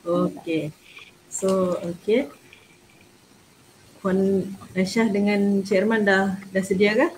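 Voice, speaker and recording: A woman with a Malaysian accent informally moderating an online forum, haltingly and with English phrases mixed in. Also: mid-range voice, fairly even intonation, darkish tone. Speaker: panel host, moderator. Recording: noisy online call.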